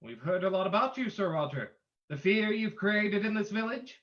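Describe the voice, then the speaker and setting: A man playing a bold, confident gentleman detective in an old-time radio drama, theatrical and commanding. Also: sits high, expressive, normal speed, lo-fi sound. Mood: defiant.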